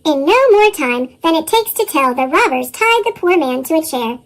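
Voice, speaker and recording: A storybook narrator whose voice is run through a sped-up chipmunk effect, reading a tale aloud with lively chuckles in the dialogue. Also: normal speed. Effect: sped-up, pitched-up chipmunk voice.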